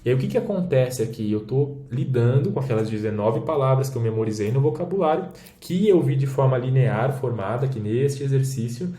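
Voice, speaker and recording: A man's voice: medium pitch, animated, a little fast, few pauses, warm tone. A man with a Brazilian Portuguese accent, teaching a language lesson while demonstrating an app on screen in a casual, explanatory way with frequent check-ins. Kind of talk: screen-share demo lesson. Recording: roomy echo, faint background noise.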